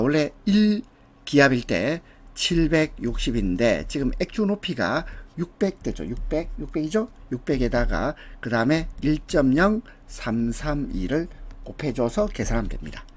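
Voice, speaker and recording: A man with a husky, slightly rough voice gives an exam prep lecture. His pitch moves a lot as he stresses numbers and terms. He goes through each answer step by step and breaks off for casual asides.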